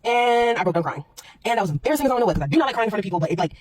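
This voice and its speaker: Woman, storytime vlogger, very fast, rambling, exasperated, shaken. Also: mid-range voice, lively intonation, a little mellow, dry recording. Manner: rambling, exasperated, full of fillers and restarts. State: shaken, upset. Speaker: market vendor telling a personal story. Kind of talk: storytime vlog, unscripted retelling.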